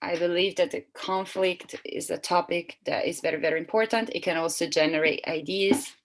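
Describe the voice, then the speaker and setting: A woman with a slightly low voice interprets a seminar talk as it happens. She speaks in a halting way, often breaking off and correcting herself as she searches for the next words. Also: fairly even intonation, low-quality recording. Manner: halting, with frequent restarts and self-corrections. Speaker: simultaneous interpreter.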